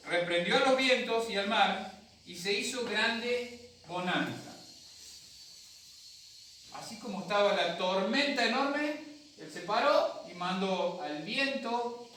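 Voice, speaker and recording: A man's voice: high-pitched, bright, forceful tone, a little hiss or hum. A male pastor with an Argentine accent, preaching a sermon in a storytelling way and acting out voices for his congregation. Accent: Argentine Spanish. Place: church hall. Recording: echoey hall from a distant mic.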